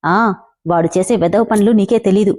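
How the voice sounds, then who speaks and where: A woman voicing an angry, sharp-tongued young woman. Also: medium pitch, moderate pace, natural voice.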